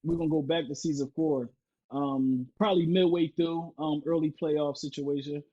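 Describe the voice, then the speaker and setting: A man's voice: a little high, steady tone, moderate pace, warm tone, lo-fi sound. A man co-hosting a gaming podcast, rambling and circling back with fillers. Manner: rambling, many fillers and restarts. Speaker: podcast co-host. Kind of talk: casual chat.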